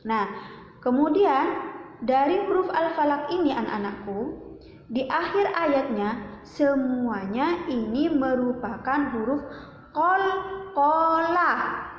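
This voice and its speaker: High-voiced woman teaching Quran recitation, echoey. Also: animated, a little hiss or hum. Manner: slow, patient explaining with repeated drills. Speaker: religious teacher. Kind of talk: Quran recitation lesson for children. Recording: roomy echo, dull lo-fi sound.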